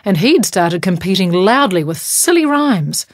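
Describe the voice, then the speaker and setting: Measured New Zealand woman reading a story. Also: medium pitch, sing-song, no room sound, studio quality. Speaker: narrator. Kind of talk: storybook narration.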